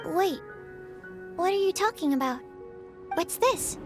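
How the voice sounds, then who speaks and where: A woman's voice: very high voice, expressive, measured pace. A polite young alchemist girl. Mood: earnest. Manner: formal, polite, stammers when flustered. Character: earnest young female alchemist, polite and studious. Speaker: game character. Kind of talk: video game cutscene dialogue. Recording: game audio with music behind.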